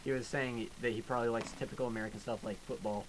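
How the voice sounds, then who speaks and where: A man's voice: mid-range voice, fairly even intonation, very fast, a crowd in the background, rough recording. A man commentating on his own comedy sketch, explaining how the effects were made in a matter-of-fact way. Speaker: sketch channel creator and editor. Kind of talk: commentary chat over own video.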